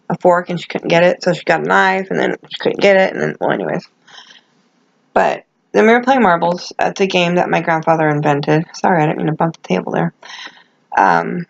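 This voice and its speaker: Toothless middle-aged woman vlogger, gravelly voice. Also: fairly low pitch, dull audio. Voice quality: toothless, gummy articulation without dentures. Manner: rambling, self-deprecating, candid. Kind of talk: casual chat to camera.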